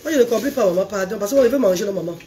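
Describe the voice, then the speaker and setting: A woman chatting on a casual live stream, animated, calling her viewers "maman". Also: mid-range voice, rapid-fire, crowd noise. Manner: animated, calls viewers "maman", sings out names. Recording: echoey room with faint background noise.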